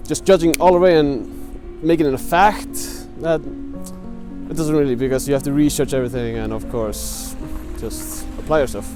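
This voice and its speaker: Brief: young man, mid-pitch, halting answers outdoors in the city, music under it. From Iceland. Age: young adult. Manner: halting, searching for words. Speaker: student. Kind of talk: street interview.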